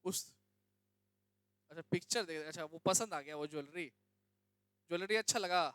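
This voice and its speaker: A man's voice: fairly high pitch, normal speed, a bit bright, clear, resonant tone, dry recording. A young male teacher giving a classroom lecture, often asking students questions and checking that they understand. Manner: questions students, addresses them as beta.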